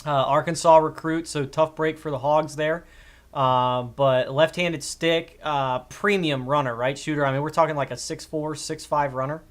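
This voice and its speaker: A man hosting a live draft panel, running down lists of names and trailing off softer at the ends of his thoughts. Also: fairly high pitch, steady tone, normal speed. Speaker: draft show host.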